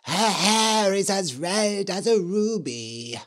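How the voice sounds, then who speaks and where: A man voicing a sly, flattering ghost witch in a slow, sing-song manner. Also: mid-range voice, pitched above the performer's own voice.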